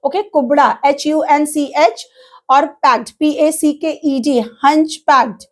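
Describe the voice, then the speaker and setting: A woman teaching English vocabulary in Hindi, spelling each word out slowly letter by letter and checking in with "ok" and "theek hai". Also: high-pitched. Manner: explains in Hindi with English words mixed in. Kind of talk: spoken English vocabulary lesson.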